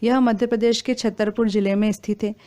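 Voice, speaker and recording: A woman reading exam quiz questions and their answers in a steady, formal recitation. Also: medium pitch, a little fast.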